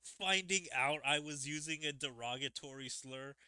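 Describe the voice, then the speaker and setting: A man's voice: on the high side, moderate pace, bright, forceful tone, clear, resonant tone, dry recording. A man reacting to a video in a casual, rambling way, filling his speech with "like". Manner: rambling, lots of "like" fillers. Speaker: reaction streamer.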